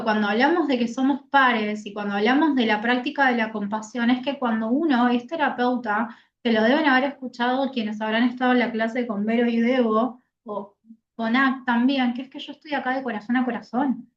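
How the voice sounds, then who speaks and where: A woman with a Rioplatense Spanish accent, a therapist teaching an online class in a lively way, asking her students questions and acting out examples. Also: a little high, brisk, roomy sound, muffled recording. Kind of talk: online lecture.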